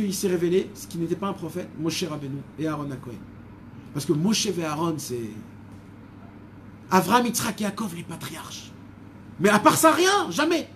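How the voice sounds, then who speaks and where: A man teaches a Torah lesson in a high-pitched voice, telling the story with drama. He turns to his listeners as friends. Faint noise hums behind him. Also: animated, moderate pace, pauses often, a bit bright. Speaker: religious teacher.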